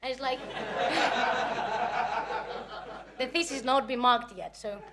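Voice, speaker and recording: Over a loud crowd and heavy background noise, a young Greek woman stretches out her words in a slightly high voice. In her twenties and speaking her native Greek, she gives a nervous, chatty, self-deprecating research talk at a conference.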